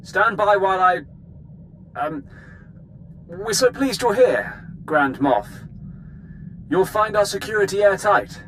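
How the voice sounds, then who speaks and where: An actor playing a nervous Imperial station controller who stammers, heard over a ship's comm radio. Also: male voice, high voice, animated, takes it slowly, long pauses, fairly bright tone, a little hiss or hum, full character voice, low-quality recording. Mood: flustered. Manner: stammering, flustered. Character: nervous, fawning male Imperial station officer.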